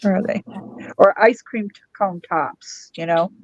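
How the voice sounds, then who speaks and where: A woman guest on a craft livestream, explaining her beadwork in a relaxed, chatty way. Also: mid-range voice, measured pace, muffled recording. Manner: relaxed, explanatory, lots of "you know". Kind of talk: casual chat on a live stream.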